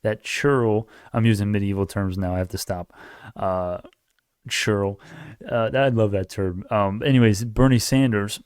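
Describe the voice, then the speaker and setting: Teen male vlogger, fairly low voice, dry close-miked sound; rambling, opinionated, self-correcting delivery. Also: fairly even intonation, unhurried, a little mellow, smooth, no echo. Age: late teens. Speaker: YouTube commentator. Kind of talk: casual political rant to camera.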